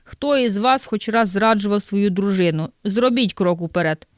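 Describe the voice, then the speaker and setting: A woman voicing a stern male apostle who speaks slowly and solemnly. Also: mid-range voice, no room sound, studio quality, lightly acted.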